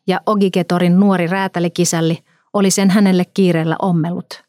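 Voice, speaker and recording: A woman narrating a story in a calm, measured reading. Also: lowish voice, no room sound, clean studio sound.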